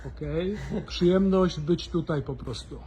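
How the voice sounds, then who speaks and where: Effusive Polish man, slightly high voice. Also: dark tone, low-quality recording. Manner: effusive, repetitive, halting. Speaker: visiting host and translator. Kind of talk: enthusiastic tour presenting. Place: indoors, office and warehouse. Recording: background noise in warehouse.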